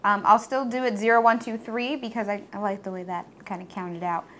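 A woman's voice: medium pitch, fairly even intonation, fairly quick, noisy background. A woman co-hosting a food tasting show, chatting casually and playfully. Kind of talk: casual chat while tasting snacks.

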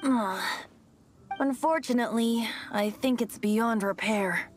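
A woman's voice: a little high, takes it slowly, faint music behind. A woman playing a playful, boyish bard in a video game, with a light, teasing, theatrical delivery. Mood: regretful. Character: impish, playful boyish bard, secretly a wind god. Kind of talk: scripted video game dialogue.

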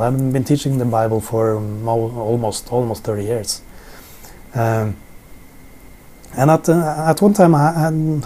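Sitting on his sofa at home, a middle-aged Norwegian man gives an informal Bible lesson in English straight to a camera in front of him. He speaks with a Norwegian accent in a mellow, mid-range voice, frequently repeating words as he looks for the right ones.

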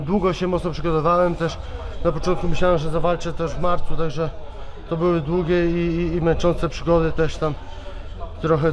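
A man in his thirties, worn out after a fight, answering reporters in a halting way, restarting and repeating words, speaking into handheld mics at a backstage press wall. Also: fairly high pitch. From Poland. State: exhausted. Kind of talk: post-fight press interview. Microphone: several handheld reporter mics held close.

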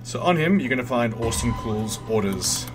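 Game music and effects play behind a man talking through a video game guide informally, reasoning out loud and fixing his own mistakes along the way. He has a medium-pitched, expressive voice and a moderate pace.

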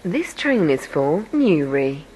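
Lively low-pitched onboard train announcement voice, woman. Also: takes it slowly, poor audio. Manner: polite, formal announcer phrasing. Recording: loud hiss with clicks.

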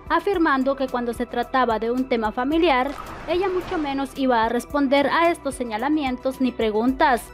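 A woman reading scripted entertainment news narration, quotes included in the same even voice. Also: sits high. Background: faint music.

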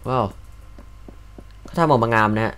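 A man's voice: medium pitch, a little slow, smooth. Chatty young man commenting on a game. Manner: chatty, joking, loud exclamations. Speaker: gaming video host. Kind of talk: casual Minecraft commentary.

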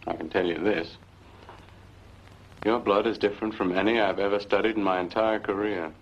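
An actor playing a middle-aged doctor, earnest, precise and formal, in a 1950s film. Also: male voice, lowish voice, steady tone, normal speed, breathy edge. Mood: grave, concerned. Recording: muffled old 1950s film soundtrack.

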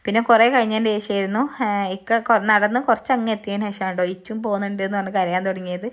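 A young woman from Kerala narrates her day over the footage. She talks quickly in a chatty, homely way, tagging her sentences with a friendly "tto". Her voice sits at an ordinary pitch. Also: little pitch movement. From Wayanad, Kerala. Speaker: vlogger.

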